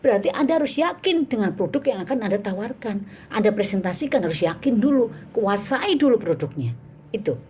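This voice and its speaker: A woman's voice: mid-range voice, fairly quick, a little hiss or hum. A woman teaching public speaking in an online workshop over a video call, acting out little sales dialogues as she goes. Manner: animated, acts out sales dialogues.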